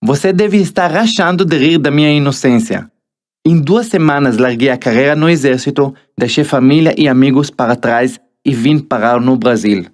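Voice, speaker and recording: A man's voice: fairly high pitch, darkish tone. Israeli man narrating his motivational audiobook. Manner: motivational, addresses the listener directly. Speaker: author narrating his own book.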